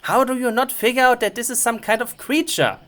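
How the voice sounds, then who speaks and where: A woman's voice: a little high, fairly quick, fairly bright tone, slight background noise. A woman delivering scripted comedic film review commentary in a sarcastic, mocking, sweary way.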